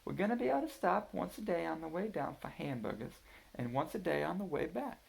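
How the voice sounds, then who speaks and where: A man voicing a practical, organized mother who calmly lays out a family road trip. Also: a little high, a little fast, creaky, pitched above the performer's own voice. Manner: steady, matter-of-fact planning tone.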